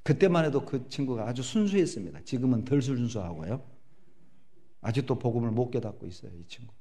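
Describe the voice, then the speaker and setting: Animated middle-aged Korean pastor preaching. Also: male voice, mid-range voice, brisk. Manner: animated storytelling, acting out prayers and voices. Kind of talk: sermon.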